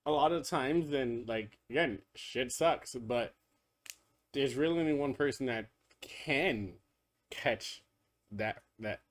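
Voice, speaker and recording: A man's voice: mid-range voice, slow. A young man co-hosting a podcast, explaining relationship advice earnestly in casual chat with some swearing. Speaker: podcast co-host.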